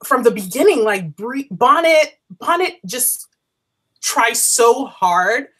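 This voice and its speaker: Bright, emphatic woman chatting. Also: a little high, expressive, takes it slowly. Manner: effusive, emphatic, repeats words. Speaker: co-host reviewing a TV episode. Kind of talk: casual chat.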